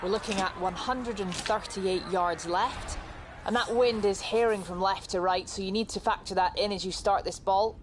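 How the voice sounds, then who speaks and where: A woman's voice: mid-range voice, steady tone, moderate pace, a little hiss or hum. A woman giving golf commentary as an on-course reporter, analysing the shot.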